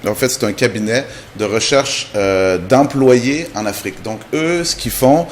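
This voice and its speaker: A man from Canada, answering interview questions as a guest, explaining in a measured way with frequent restarts. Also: mid-range voice, slight background noise. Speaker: guest, immigration trainer.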